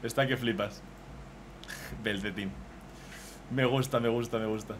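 Excitable, foul-mouthed man. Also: fairly low pitch, unhurried, slight background noise. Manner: excitable, swears freely, gushing praise. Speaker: streamer reacting to fan drawings. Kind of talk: casual live commentary.

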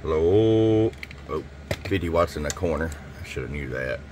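Very deep-voiced folksy radio shop man. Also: expressive, moderate pace, darkish tone, a little hiss or hum. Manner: folksy, chatty, talks to the customer directly. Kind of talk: casual tune-up report.

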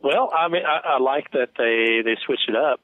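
A man's voice: medium pitch, moderate pace, no room sound. A man co-hosting a casual podcast chat in an easygoing, agreeable way. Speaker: podcast co-host. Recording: tinny phone-like sound.

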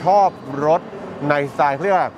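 A man, a car reviewer, explaining vehicle features quickly and casually at an expo, often repeating words. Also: background noise. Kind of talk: casual car show walkaround.

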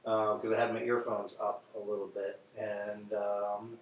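A man's voice: on the low side, little pitch movement, measured pace, far from the mic. Man with an echoey, cave-like sound. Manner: chatty, talks to viewers while fiddling with audio settings. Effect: echoey, cave-like room sound. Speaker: livestream host cooking breakfast. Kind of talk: casual livestream chat while cooking. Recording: roomy echo, off-mic, faint noise.

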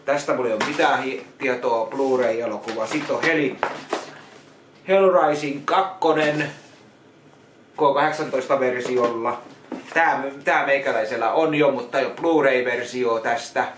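A man talking casually in a vlog as he goes through donated films, repeating words, restarting and giving plain verdicts. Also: mid-range voice. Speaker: vlogger unboxing donated films. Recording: echoey room with loud noise.

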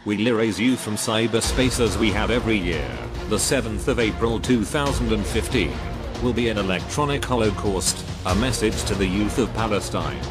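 Brief: male, voice disguised and dropped low, cold menacing scripted read over loud music. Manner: cold, measured, menacing delivery. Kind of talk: scripted threatening statement. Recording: loud music bed under voice.

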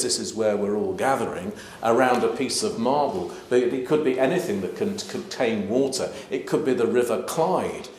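A clergyman, giving a measured, emphatic talk at an interfaith event. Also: medium pitch, a little hiss or hum. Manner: measured, emphatic, gesturing while speaking. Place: large plain hall. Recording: echoey hall.

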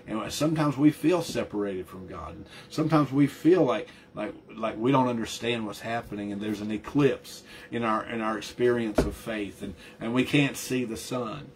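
A man's voice: fairly low pitch, normal speed, hardly any pauses, a little hiss or hum. A man preaching a sermon as pastor, earnest and emphatic, often restarting and repeating words as he builds a point.

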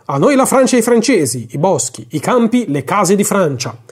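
A man's voice: high-pitched, sing-song, moderate pace, breathy edge, exaggerated voice. A man voicing a drunken, arrogant young male officer who taunts and boasts, in a storybook reading. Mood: mocking boast.

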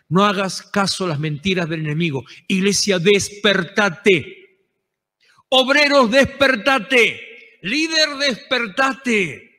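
Rioplatense pastor guy preaching hard, high voice, big echoey church hall. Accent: Rioplatense Spanish. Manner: impassioned preaching, rising to shouted exhortations. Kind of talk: sermon.

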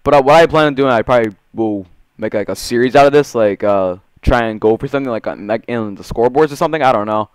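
A young man doing casual, profane video game commentary in slangy gamer bro talk, swinging between muttering and excitement. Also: medium pitch, fast, few pauses, smooth, dry recording. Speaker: gaming video creator.

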